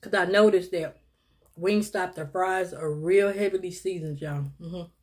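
A woman's voice: fairly low pitch, measured pace. A woman, chatting casually to viewers while eating in a mukbang vlog, calling them y'all and little sis. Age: 50s. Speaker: mukbang vlogger.

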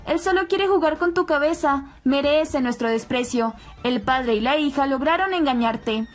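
A cold, scheming grandmother who rules her family, as a woman reading a soap-opera recap voices her. She speaks with contempt and command, her voice set fairly high. Faint music plays behind. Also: moderate pace, lightly acted. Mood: scornful. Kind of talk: recap narration voicing quotes.

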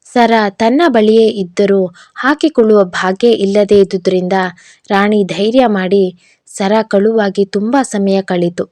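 Mellow-voiced woman telling a story. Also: mid-range voice, a little slow, no echo. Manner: calm, even storytelling, livelier in quoted lines. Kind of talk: scripted story narration with acted dialogue.

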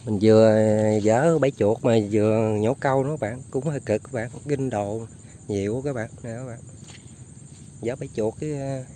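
Male vlogger, outdoor field narration, mellow low-key voice, faint insect noise behind; chatty, keeps talking to viewers. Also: moderate pace. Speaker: outdoor fishing and trapping vlogger. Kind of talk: casual narration to viewers while working. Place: outdoors in flooded rice fields.

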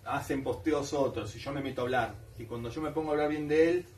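A man's voice: medium pitch, fast, a little mellow, distant mic, a little hiss or hum. A man with an Argentine accent, rambling casually and nostalgically as a collector vlogger. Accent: Argentine Spanish. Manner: colloquial, nostalgic, repeats himself.

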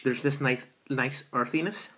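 A man's voice: medium pitch, measured pace, bright, forceful tone, a little hiss or hum. A man, reviewing a beer at home in a chatty, enthusiastic way with lots of fillers, filmed with a camera at arm's length. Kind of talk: casual beer review vlog. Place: small room at home, indoors.

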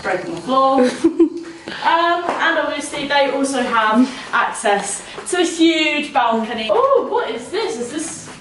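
High, lilting young woman, echoey sound. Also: lively intonation, measured pace. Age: young adult. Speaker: vlogger giving a villa tour. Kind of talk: casual chatty tour commentary. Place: walking around a holiday villa, indoors and by the pool. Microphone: camera held by another person a few steps away. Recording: echoey rooms, noisy handheld camera audio.

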